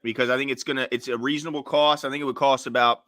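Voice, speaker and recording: Male sports radio co-host, crisp bright tone, dry close sound, easygoing analyst. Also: medium pitch, fairly even intonation, racing, no echo. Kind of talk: casual draft-night chat. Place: studio.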